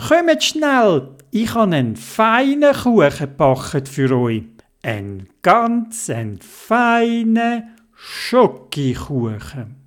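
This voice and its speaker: An affectionate mother in a bedtime story, with a Swiss German accent, who calls loudly and then speaks tenderly. Her voice moves up and down in a lively way, and she speaks slowly, done by a storyteller. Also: mid-range voice, pitched above the performer's own voice. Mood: calling. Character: loving mother.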